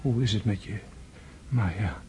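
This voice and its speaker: An actor playing a gentle dying nobleman in a radio drama, weary and tender, with weak, halting delivery. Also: lowish voice, a little hiss or hum. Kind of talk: literary radio drama acting.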